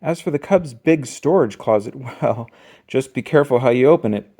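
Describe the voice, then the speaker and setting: An adult storybook reader with a mid-range, dark, slightly rough voice narrates a scripted children's picture book at normal speed. The reading is expressive, with key words drawn out for emphasis.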